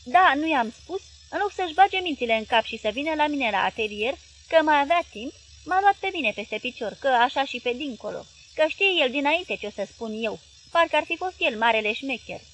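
A woman reading aloud, voicing a gruff, indignant grown man who growls and scolds his wife. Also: high voice, expressive, a bit bright, pitched above the performer's own voice. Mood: angry, scornful.

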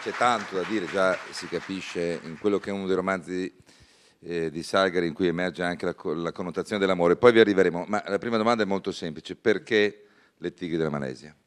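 A man hosting a radio interview and asking questions in a measured, reflective way. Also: sits low, a little hiss or hum. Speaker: radio host.

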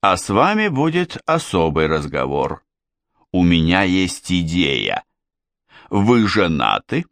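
A man's voice: sits low, huge pitch swings, slow pace, a bit bright, no echo, clean studio sound, exaggerated voice. A male audiobook reader voicing a grand, coaxing king of penguins. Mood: jovial. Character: jovial pompous old male penguin king. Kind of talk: audiobook character reading.

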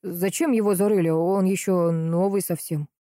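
A woman's voice: on the low side, steady tone, moderate pace, warm tone, no room sound, clean studio sound, natural voice. A woman voicing a snappish, indignant suspect. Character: irritable, defensive middle-aged man under suspicion.

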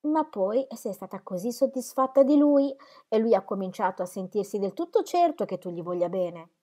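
A woman reading aloud and voicing Celia, a sharp, teasing young woman who talks in a quick, insistent way. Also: mid-range voice, lively intonation, pitched above the performer's own voice, close to an everyday voice. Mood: needling.

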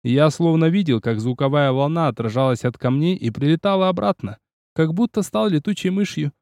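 Guy reading an audiobook, kinda high, dead dry sound, gets loud in action. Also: brisk, no echo. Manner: energetic, shouting in the action. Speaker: narrator. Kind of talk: audiobook narration in first person.

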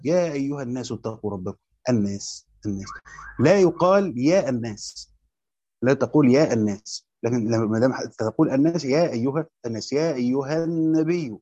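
A man's voice: medium pitch, mellow, husky, dry recording. Egyptian man teaching grammar, dry close sound. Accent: Egyptian Arabic. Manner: reads a passage aloud, then explains it in colloquial speech; hesitant, with frequent fillers and restarts. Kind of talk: grammar lesson on a classical text. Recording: dull, muffled sound.

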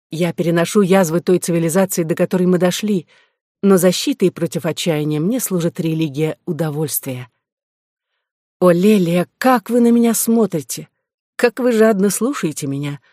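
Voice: mid-range voice, a little mellow, dry recording, studio quality, natural voice. A reader voicing a worldly courtesan who lectures her sister in a reproachful, scolding way, in an audiobook of a classic novel. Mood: defiant. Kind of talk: audiobook reading.

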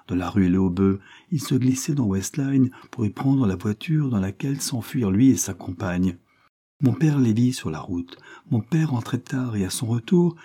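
A man reading an audiobook voices a proud young wife who speaks with fervent, accusing emphasis, lifting his voice higher for her. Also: mellow, breathy edge.

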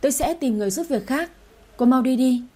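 A stern older lady of the house, voiced by a female storyteller, scolding and ordering people about. The voice is mellow and slightly husky, pitched a bit high. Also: animated, fairly quick. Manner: scolding, commanding.

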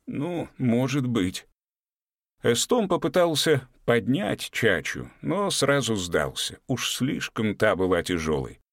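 A man narrating an audiobook in an expressive storytelling manner. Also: mid-range voice, measured pace, hardly any pauses, no echo, studio quality.

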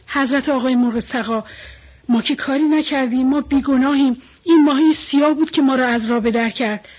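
A woman's voice: high voice, a little mellow. A woman voicing a crowd of frightened tiny fish who plead and whine in a storybook reading. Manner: pleading, whiny.

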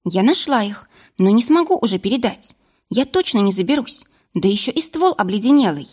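A woman's voice: mid-range voice, big pitch swings, fairly quick, darkish tone, husky. A woman voicing an anxious, impulsive young woman lost in a winter forest, pleading and emotional, in an audiobook.

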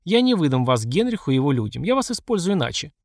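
A man voicing a bald aging emperor who speaks with polite, ironic calm. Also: on the high side, no room sound, studio quality. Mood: amused calm. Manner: politely teasing, unhurried.

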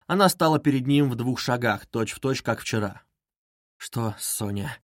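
A man narrating a classic novel as an audiobook in a measured, expressive way. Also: mid-range voice, dry recording, studio quality.

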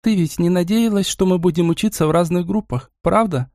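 A male narrator voicing a sharp-tongued, sarcastic young woman in an audiobook. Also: high voice, fairly quick, dry recording, clean studio sound, voice pushed up.

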